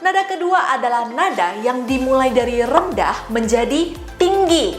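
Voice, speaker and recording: A woman teaching a language lesson, demonstrating sounds and tones slowly and carefully. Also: high-pitched, animated, echoey room, soft background music. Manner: slow, careful, exaggerated tone demonstrations. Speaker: Mandarin teacher.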